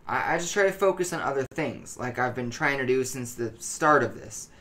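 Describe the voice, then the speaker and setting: A narrator plays an agitated male test subject in a dark horror tale. He is paranoid and on edge. His speech halts, stammers and doubles back on words. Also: mid-range voice, animated, close to an everyday voice. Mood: anxious, strained. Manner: halting, stammering, repeating words.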